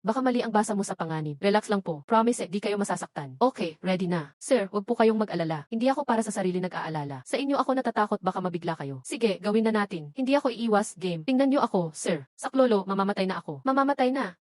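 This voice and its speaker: A woman's voice: medium pitch, animated, fast, few pauses, darkish tone. Lady dubbing a short drama, does all the parts the same way, no room echo at all. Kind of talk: dubbed short drama dialogue.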